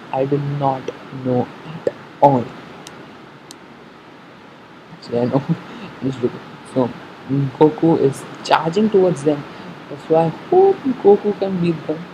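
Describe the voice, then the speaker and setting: A fan giving casual commentary on an episode preview, haltingly thinking aloud, repeating and correcting themselves, on a muffled recording. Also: mid-range voice, mellow. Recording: muffled sound with faint background noise.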